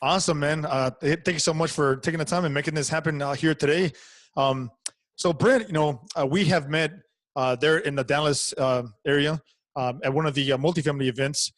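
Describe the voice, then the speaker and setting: A man's voice: on the high side, fairly quick, no echo. A man hosting a podcast interview, friendly and a bit hesitant, with lots of filler words. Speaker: podcast host.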